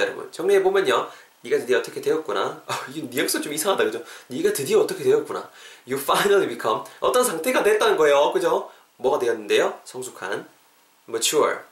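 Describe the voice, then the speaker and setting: A man hosting a casual language lesson podcast, drilling phrases slowly and repeating them. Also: medium pitch, echoey room, far from the mic. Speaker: English teacher, podcast host.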